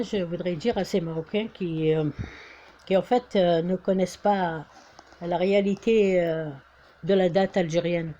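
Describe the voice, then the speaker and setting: A woman's voice: on the low side, mellow. A woman from Algeria talking casually to camera, hesitant with many fillers and restarts, turning insistent when she urges people on. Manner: insistent, exhorting. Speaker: vlogger.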